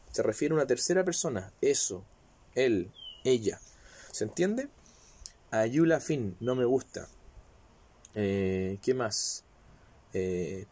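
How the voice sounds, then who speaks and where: A man's voice: medium pitch, dark tone, husky. Chatty man teaching with a cold. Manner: chatty, keeps checking in with "¿ya?" and "¿cierto?". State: a slight cold. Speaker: language teacher. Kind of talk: casual video lesson.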